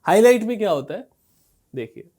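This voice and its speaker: A man's voice: sits high, big pitch swings, brisk, warm tone. A man teaching a casual screen-share tutorial, talking conversationally with frequent fillers and check-ins. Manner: conversational, repeats "thik hai" and "dekhiye", frequent fillers. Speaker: instructor teaching Instagram growth.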